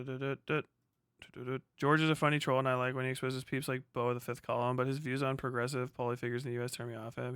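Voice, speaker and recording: The American host of a livestream chats loosely and reacts to viewers' messages with profanity, slang, and lots of rambling. He has a medium-pitched voice that is fairly bright, clear, and resonant, captured at studio quality with no room sound.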